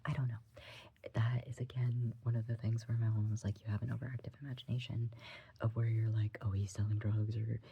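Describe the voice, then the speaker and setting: Whispered role-play, gossip whisper, performer as young gossipy tenant, very breathy, creaky, hesitant, conversational. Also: mid-range voice, flat delivery, fairly quick, lo-fi sound. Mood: confiding, suspicious. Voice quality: breathy, soft. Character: gossipy young tenant confiding about neighbours.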